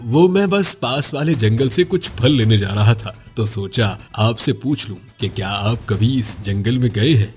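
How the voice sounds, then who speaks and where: A man's voice: medium pitch, normal speed, few pauses, a little mellow, soft background music, lightly acted. A man voicing a poor, honest village father in a cartoon story, begging and pleading emotionally. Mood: reassuring. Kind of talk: cartoon voice acting.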